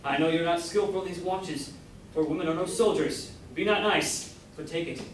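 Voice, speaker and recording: Reading verse as a brooding, ardent lover, this young male student takes part in an amateur staged reading held in a college room. His slightly high voice runs at normal speed and sounds close to everyday speech. He's captured from far off in a very echoey room with faint noise.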